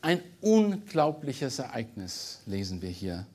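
A man's voice: mid-range voice, big pitch swings, slow pace, a little mellow. A man reading a Bible passage aloud and then preaching on it earnestly, with small slips and restarts. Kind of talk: scripture reading and sermon.

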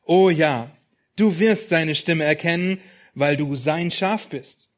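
A man's voice: fairly high pitch, takes it slowly. An upbeat female sheep reassures her friend in a lifted, encouraging voice, as a man voices her while reading aloud. She sounds kindly and sure. The sound is dull and lo-fi. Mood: reassuring. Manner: encouraging, warm.

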